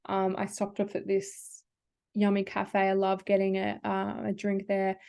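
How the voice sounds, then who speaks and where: A woman's voice: medium pitch, monotone, measured pace, creaky, mellow. A woman, a business coach giving a workshop talk, speaking conversationally with many "like"s and restarts. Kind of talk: workshop talk with personal anecdotes.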